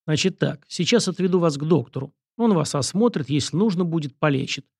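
A man's voice: on the high side, expressive, a little fast, creaky, darkish tone, husky, no room sound, pitched above the performer's own voice, heavily acted. Young prince guy, firm and bossy, dry close sound, read by a man. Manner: firm, commanding. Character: young male prince and school founder, firm and decisive.

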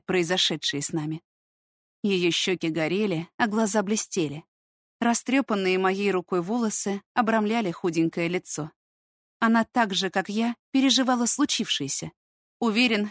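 A woman reads a first-person story aloud at a measured, steady pace. She speaks in an ordinary mid-range voice. The close recording is dry, with no room sound. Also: mid-range voice, no echo. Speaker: audiobook reader.

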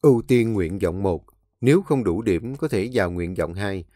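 A man narrating an audiobook in a steady storytelling manner. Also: lowish voice, moderate pace, no echo, clean studio sound, faint music behind.

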